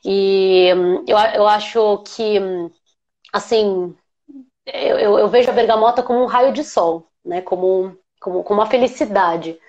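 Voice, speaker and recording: A woman with a Brazilian Portuguese accent, an aromatherapist hosting a live chat, talking in an animated, emotional way. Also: medium pitch, measured pace, muffled recording. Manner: animated, emotional, laughs while telling. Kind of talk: casual live chat storytelling.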